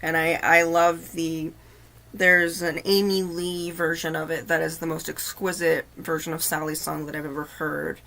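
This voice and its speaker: A woman hosting a livestream, telling a personal story in an earnest, halting, confiding way. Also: deep voice, flat delivery, gravelly, a bit bright. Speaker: livestream host. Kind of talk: casual storytelling.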